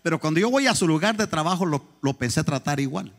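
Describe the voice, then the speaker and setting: A man's voice: a little high, lively intonation, fast, fairly bright tone, in a large hall. A man preaching a sermon as pastor, emphatic, asking the congregation questions again and again.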